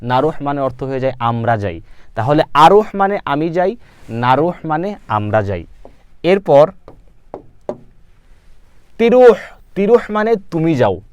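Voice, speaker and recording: A man's voice: a little high, big pitch swings, a little slow, pauses often, clear, resonant tone, no echo, highs cut off. A man teaching an Arabic lesson, repeating each word and asking then answering his own questions. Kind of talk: spoken language lesson.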